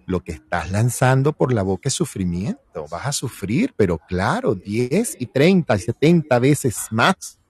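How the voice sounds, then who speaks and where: A man's voice: mid-range voice, very animated, unhurried, hardly any pauses, a little mellow, husky, no echo. A man with a Venezuelan accent, an actor giving a playful motivational talk and acting out little quoted voices. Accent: Venezuelan Spanish.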